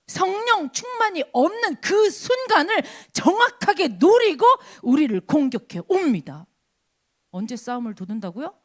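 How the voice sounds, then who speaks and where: A woman's voice: sits high, very animated, moderate pace. A woman preacher giving an emphatic sermon at a church service, repeating her points through rhetorical questions.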